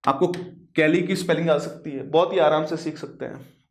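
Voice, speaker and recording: A man's voice: fairly high pitch, fairly quick. A man from western Rajasthan, teaching a lecture and explaining through examples and rhetorical questions, with English words mixed in. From western Rajasthan, India. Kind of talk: spoken lecture.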